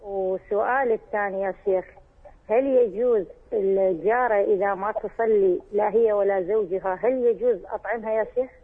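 A woman's voice: mid-range voice, steady tone, a little fast, husky. A woman calling in to ask a religious scholar questions, speaking earnestly and pleading, often addressing him as sheikh. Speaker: caller. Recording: tinny phone line.

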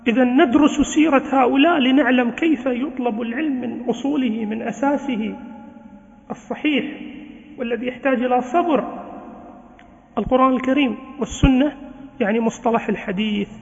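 An Islamic preacher delivers an earnest sermon to students in an extremely high, fairly quick voice with vocal fry, exhorting them and posing rhetorical questions. The recording sounds dull and lo-fi, with long reverb.

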